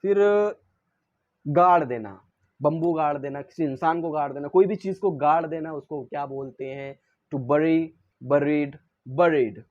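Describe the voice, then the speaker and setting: A man's voice: fairly high pitch, a little slow, a little mellow, lo-fi sound. Hindi-speaking male English teacher. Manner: explains in Hindi, recites verb forms in English; asks and answers his own questions. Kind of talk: classroom-style lesson.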